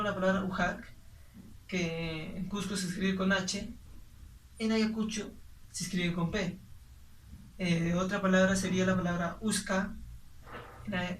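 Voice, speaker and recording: A young university student giving a class presentation, pausing often with fillers. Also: mid-range voice. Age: young adult. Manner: hesitant with frequent fillers. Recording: echoey room, distant mic, faint noise.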